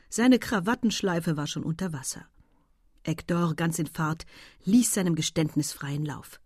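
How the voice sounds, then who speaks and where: Expressive woman reading a story. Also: on the low side, dry recording, studio quality. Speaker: audiobook narrator. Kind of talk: literary audiobook reading.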